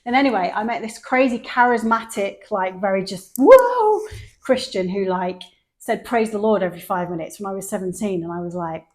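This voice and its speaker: A woman's voice: medium pitch, brisk. Middle-aged english woman, london and sheffield accent mixed, chatty podcast host telling stories. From England. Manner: chatty storyteller, lively quoted voices. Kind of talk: casual chat.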